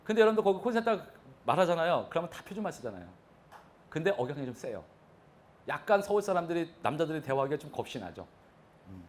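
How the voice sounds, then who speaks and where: A man's voice: fairly high pitch, very animated, fast talker, slight background noise. A man giving a live real estate lecture, talking animatedly and throwing questions at his audience.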